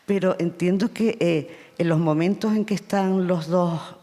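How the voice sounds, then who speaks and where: Interviewer stumbling thru questions, mid pitch, big hall reverb. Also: measured pace, dark tone. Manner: stammering repetitions while forming questions.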